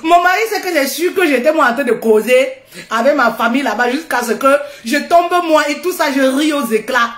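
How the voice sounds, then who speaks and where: A woman giving a casual motivational talk, loud and laughing often, repeating phrases for emphasis. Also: high voice, expressive, a little fast, reverberant.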